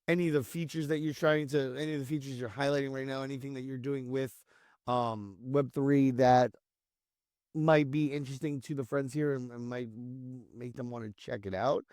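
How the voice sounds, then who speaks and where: A man's voice: medium pitch, no echo. Guy hosting a community q and a, kinda rambly, dry close sound. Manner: rambling, restarts sentences, chuckles. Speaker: community host. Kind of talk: casual interview hosting.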